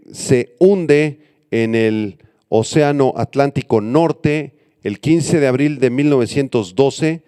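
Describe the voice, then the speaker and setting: Male pastor, mellow and smooth, dry close sound; sermon that teaches word meanings. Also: fairly high pitch, dry recording. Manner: teaching, spelling out Greek and Hebrew words for note-takers.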